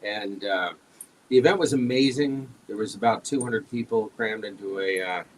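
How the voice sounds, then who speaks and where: A man's voice: on the low side, normal speed, poor audio. Easygoing man with wry asides. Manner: easygoing, wry, many uh fillers. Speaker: show co-host. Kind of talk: casual roundtable chat.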